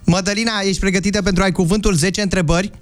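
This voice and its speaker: A man's voice: high-pitched, steady tone. A man hosting a morning radio show, chatting casually, joking and reading listener messages aloud. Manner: jokey, laughs often, reads messages aloud.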